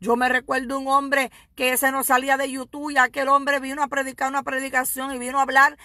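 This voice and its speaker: A woman evangelist preaching a sermon, fervent and swinging between shouted exhortation and quiet asides. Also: high voice, completely flat delivery, brisk, no room sound.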